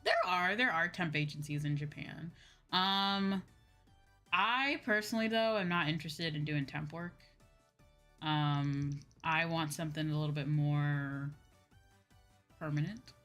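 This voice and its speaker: A young woman hosting a livestream chats in a casual, rambling, informal way, repeating phrases for emphasis. Her voice is deep, a bit bright, and unhurried, with background music playing.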